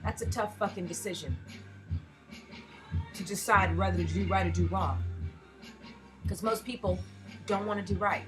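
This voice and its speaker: A woman's voice: fairly low pitch, moderate pace, long pauses, rough recording. American woman ranting frankly over music. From United States. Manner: frank and heavily profane, with emphatic rhetorical questions. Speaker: vlogger, self-described erotic artist. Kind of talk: casual personal rant.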